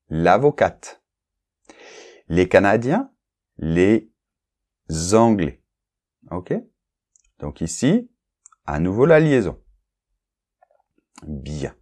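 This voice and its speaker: A man with a lowish, warm voice teaches French grammar directly and informally to a single learner. He spells out and repeats sounds carefully for clarity, checking in often with "ok?" and "d'accord?".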